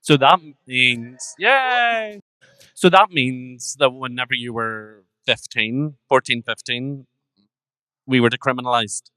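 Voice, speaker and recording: A man hosts a live podcast, putting wry, teasing questions to his guests. His voice is bright and crisp, recorded dry. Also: mid-range voice, takes it slowly, no room sound, poor audio. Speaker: podcast host.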